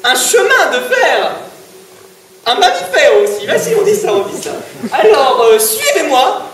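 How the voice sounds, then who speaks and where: A young presenter introduces the next scene in a casual, joking ramble, tripping over words. The voice is high, lively and slow. It is heard from far off in a roomy hall. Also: soft background music. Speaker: show presenter. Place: large theatre stage.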